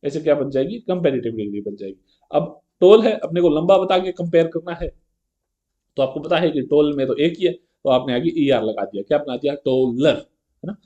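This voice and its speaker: A male grammar teacher teaches an exam-prep lesson step by step, often checking in with a quick rhetorical question and reading example sentences slowly. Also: on the high side, animated, dark tone, highs cut off. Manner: reads English example sentences slowly and carefully.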